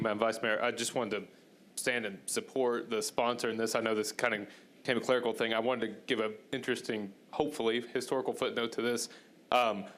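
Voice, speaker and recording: A man's voice: mid-range voice, fairly bright tone. Earnest man addressing a council meeting. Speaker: council member. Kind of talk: formal council remarks.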